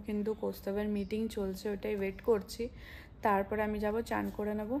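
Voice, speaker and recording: A woman's voice: mid-range voice, vocal fry, darkish tone, slight background noise. A woman and mother vlogging in casual chat, talking straight to her viewers.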